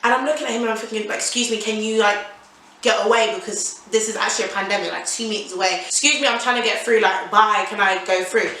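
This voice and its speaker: A young woman vlogger telling a casual storytime, animated and exasperated, full of slang. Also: mid-range voice, fast talker, a little hiss or hum. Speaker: YouTuber. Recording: very echoey room, voice from a distance.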